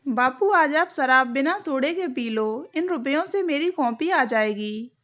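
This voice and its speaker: A woman's voice: high voice, animated, measured pace, fairly bright tone, muffled recording. A woman voicing a frightened, meek young schoolboy pleading with his father in a storybook tale. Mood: timid.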